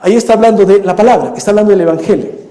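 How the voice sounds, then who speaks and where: A man's voice: sits high, racing, dark tone. A man preaching a sermon as pastor, questioning the congregation and answering himself. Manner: acts out quoted listeners in a mocking voice. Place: church hall. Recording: long church reverb.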